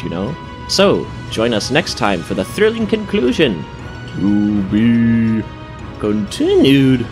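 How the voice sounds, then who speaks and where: A man playing a goofy, self-aware narrator of a comic audio drama, hammy with casual asides and mock-dramatic announcing. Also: mid-range voice. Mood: excited, hammy.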